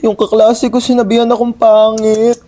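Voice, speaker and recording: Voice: medium pitch, monotone, moderate pace, warm tone, lightly acted. A performer playing a meek, polite teenage schoolkid, answering elders respectfully. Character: polite schoolkid, teen niece.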